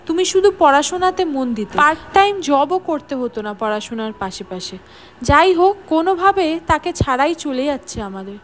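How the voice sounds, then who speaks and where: A gentle, wistful mother on the phone with her faraway child, as a woman narrator voices her. She talks in a soft, caring way, a little lower than the narration around her. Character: worried, lonely, loving widowed mother.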